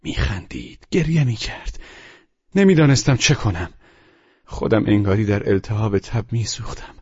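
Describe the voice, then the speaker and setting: A man narrating a novel in the first person, measured and dramatic. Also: lowish voice, animated, a little mellow, slightly rough, no room sound. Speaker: audiobook narrator. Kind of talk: scripted literary narration. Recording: muffled lo-fi recording.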